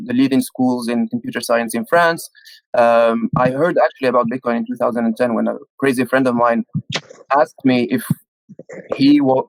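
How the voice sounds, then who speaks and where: A man, a computer scientist, moderating a casual community AMA, organized but halting and repeating words. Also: mid-range voice, no echo, poor audio.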